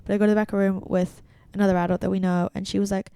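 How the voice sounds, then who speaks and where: A young woman chatting as a podcast co-host, in a medium-pitched voice. She tells her stories in an animated, rambling way, full of "like"s and restarts. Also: rapid-fire, vocal fry, clear, resonant tone, no room sound. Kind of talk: casual chat.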